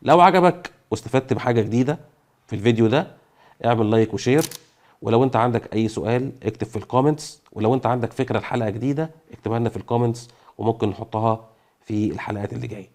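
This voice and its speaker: A man's voice: medium pitch, racing, a little mellow. A man with an Egyptian Arabic accent, explaining an engineering topic in a casual lesson, full of fillers and everyday comparisons. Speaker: engineering educator.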